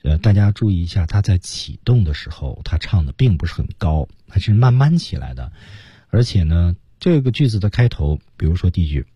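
Husky low-voiced man teaching English. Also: very animated, fairly quick, warm tone, no echo, highs cut off. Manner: breaks lines into words, stresses and linking. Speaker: radio English teacher and co-host. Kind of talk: radio lesson on pronunciation and singing.

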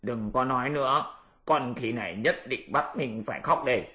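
List: man voicing a sly grumbling pig-monk, lazy, lower plain voice, storybook. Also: normal speed, pushed and bright, close to an everyday voice. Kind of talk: audiobook character voice.

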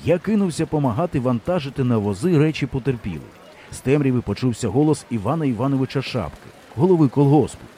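A male audiobook narrator with a dark, mellow voice. He reads with lively, animated intonation that rises and falls with the story. A faint noise sits under the recording. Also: medium pitch, quick pace. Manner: expressive storytelling reading. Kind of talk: scripted narration.

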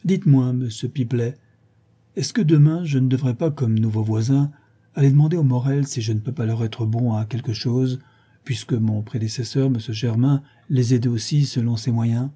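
A man voicing a reserved gentleman tenant who speaks politely and evenly. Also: medium pitch, slightly rough, lightly acted. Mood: courteous. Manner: polite and measured.

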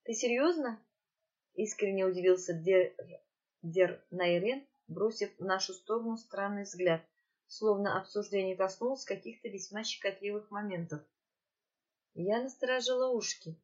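A woman reading a fantasy novel aloud in the first person, with an even storytelling manner. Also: mid-range voice, normal speed, muffled recording. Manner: even storytelling, occasional slips. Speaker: audiobook narrator.

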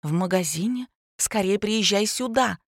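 A woman's voice: medium pitch, moderate pace, no echo, studio quality, lightly acted. A woman voicing a bossy, agitated woman friend who gives urgent orders. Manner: commanding, urgent.

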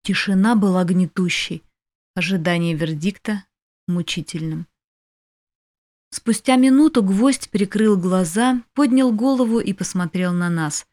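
A female narrator reads a first-person novel for an audiobook, her storytelling full of emotion. Pitched in the middle, her voice is darkish in tone and a little slow.

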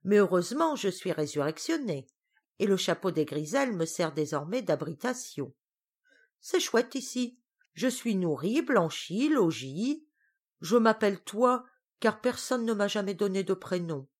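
A woman's voice: mid-range voice, big pitch swings, unhurried, a little mellow. A woman voicing a small, cheeky worm creature with a childlike, sing-song way of talking. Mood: plaintive. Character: small cheeky red-tufted worm, young.

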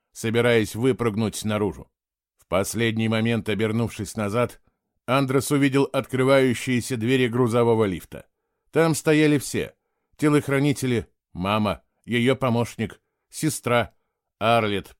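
A man reading an audiobook in a steady, measured storytelling voice. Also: mid-range voice, no room sound, studio quality. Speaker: audiobook narrator. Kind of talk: scripted audiobook narration.

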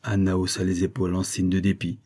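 A man narrating an audiobook in a steady, measured reading voice. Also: deep voice. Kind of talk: scripted narration.

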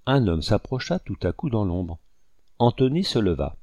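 Low, mellow-voiced male storybook reader. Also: dry recording. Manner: steady, measured storytelling. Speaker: audiobook reader. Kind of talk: scripted narration.

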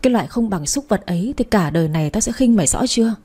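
A woman voicing a furious young mother who curses and shouts to get her baby back. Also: medium pitch, lively intonation, quick pace, slightly rough. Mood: bitter. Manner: shouting, cursing.

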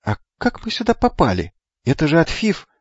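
A man voicing a brash, excitable young boy twin who talks loudly and insistently. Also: a little high, normal speed, no echo, pitched above the performer's own voice. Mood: excited. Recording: dull lo-fi with faint music.

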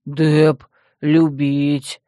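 A huge, fierce, childlike brute, put on by an audiobook reader barks short broken words in a rough, loud growl. The voice sits lower than plain narration and sounds rougher, with a dry, close sound. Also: completely flat delivery, very slow, dry recording. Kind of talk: audiobook character voice.

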